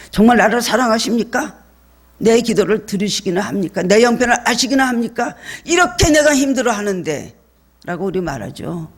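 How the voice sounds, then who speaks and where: A man's voice: high-pitched, vocal fry, husky. A male pastor preaching a sermon earnestly, asking his congregation one rhetorical question after another.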